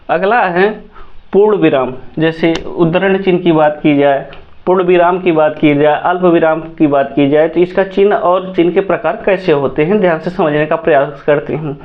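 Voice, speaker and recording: A man teaching a grammar lesson, who repeats each sentence slowly and mixes English words into his explanations. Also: high-pitched, narrow, tinny audio.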